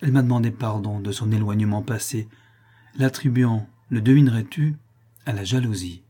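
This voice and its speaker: An aristocratic marquis, overflowing with emotion and talking familiarly to his old valet, as a man reading the story puts him on. The tone is dark and husky, with an effusive, heartfelt manner. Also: on the low side, normal speed. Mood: elated.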